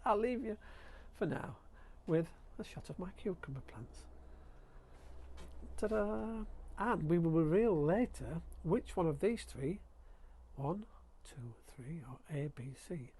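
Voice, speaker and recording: Excitable chatty Yorkshire man. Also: fairly high pitch, slight background noise. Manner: chatty, excitable, talks to the camera. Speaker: allotment vlogger. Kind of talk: casual gardening vlog. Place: outdoors at an allotment. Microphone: clip-on mic with lead.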